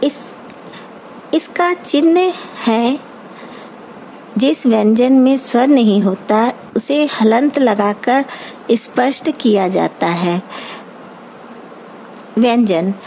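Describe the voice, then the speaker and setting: A woman teacher with an Indian accent giving an online grammar lesson, explaining terms slowly and carefully, as if dictating. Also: on the high side, expressive, a little mellow, slight background noise, rough recording. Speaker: school teacher.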